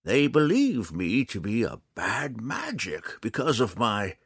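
A man voicing a proud, blind old hermit archer who speaks slowly and halts while searching for words. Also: on the low side, huge pitch swings, breathy edge, dry recording, clean studio sound, voice pushed up, exaggerated voice. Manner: slow, drawn-out delivery.

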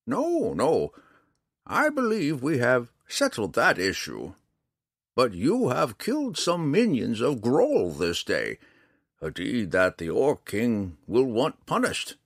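A man voicing a proud, blind old hermit archer who speaks slowly and halts while searching for words. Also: mid-range voice, huge pitch swings, breathy edge, dry recording, clean studio sound, voice pushed up, full character voice. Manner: slow, drawn-out delivery.

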